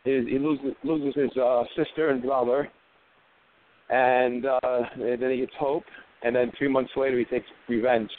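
A man's voice: mid-range voice, level tone, moderate pace. A man calling in over a crackly, staticky phone line, chatting casually and rambling with lots of restarts. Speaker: phone-in guest, actor and filmmaker.

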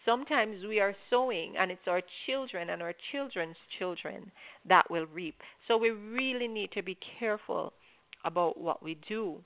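A woman's voice: medium pitch, normal speed. Earnest woman teaching on a phone line. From Jamaica. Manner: earnest, instructive. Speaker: host.

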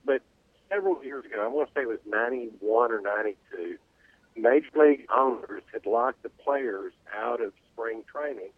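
A man's voice: medium pitch, normal speed, slightly rough, dry recording. A male caller telling a rambling story, with many restarts, over a buzzy, glitchy cell call that keeps cutting out. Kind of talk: casual phone-in storytelling. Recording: tinny dry phone line.

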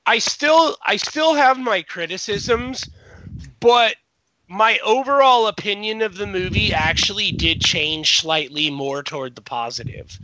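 A man's voice: high voice, sharp tone, muffled recording. A man hosting a casual podcast chat, rambling and restarting his sentences often. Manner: rambling, many restarts and repeated words. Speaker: podcast host.

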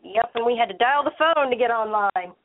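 A woman around thirty, co-hosting a casual chat in a relaxed way and laughing easily. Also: a little high, fairly quick. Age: 30s. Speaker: podcast co-host. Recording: tinny phone-like line.

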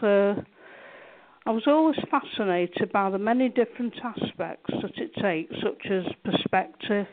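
A woman's voice: mid-range voice, animated, a little slow. A woman from England answering interview questions about her art, hesitant, with many fillers and restarts. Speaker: guest artist. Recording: tinny phone line.

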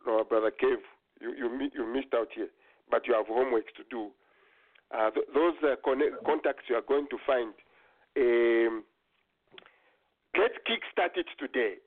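Halting man moderating over a tinny call. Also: mid-range voice. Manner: halting, many fillers and restarts. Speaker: forum moderator. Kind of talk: hesitant online meeting chat. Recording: tinny phone-like call audio.

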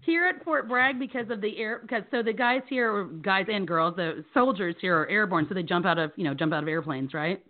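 A woman guest telling comic stories in an animated way, acting out the people she quotes. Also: mid-range voice, fairly quick, few pauses. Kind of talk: comic storytelling. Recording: thin phone-like audio.

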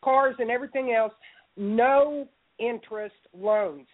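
A woman's voice: fairly high pitch, a little slow, no echo. A woman hosting a call-in talk show, blunt and emphatic, with some profanity. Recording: tinny phone-like audio.

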